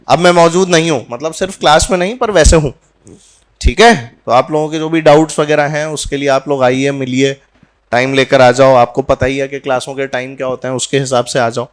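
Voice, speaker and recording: A physics teacher talking warmly and jokingly to his students at the end of a course in a classroom, mixing in English phrases. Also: on the high side. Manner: chatty and teasing, mixing Hindi with English phrases. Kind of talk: farewell talk to a class.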